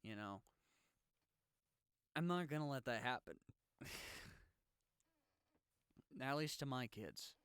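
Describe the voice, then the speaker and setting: A man's voice: mid-range voice, lively intonation, slow, pauses often, fairly bright tone, smooth, dry recording, clean studio sound. A young man co-hosting a podcast in casual chat, laughing often and swearing freely while thinking aloud. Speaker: podcast co-host.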